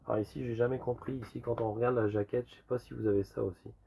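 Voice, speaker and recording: A man with a rusty, hoarse voice worn by a lingering cough, casually presenting a collection in an informal, rambling show-and-tell. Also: mid-range voice, little pitch movement, fast talker, warm tone, a little hiss or hum. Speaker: retro game collector presenting a sale.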